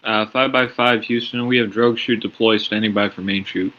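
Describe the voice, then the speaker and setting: A man's voice: fairly low pitch, steady tone, a little fast. A spacecraft crew member, a man, giving clipped, matter-of-fact reports over a space radio link. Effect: voice heard over a space radio link. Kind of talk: terse radio call-outs. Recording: muffled, lo-fi radio transmission from afar.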